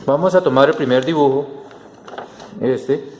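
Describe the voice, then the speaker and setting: Man, teacher giving a recorded lesson, halting step-by-step delivery, echoey hall sound. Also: medium pitch, darkish tone. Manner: explains step by step with many fillers and restarts. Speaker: Spanish teacher. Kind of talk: recorded class tutorial. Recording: roomy echo with long reverb and faint background noise.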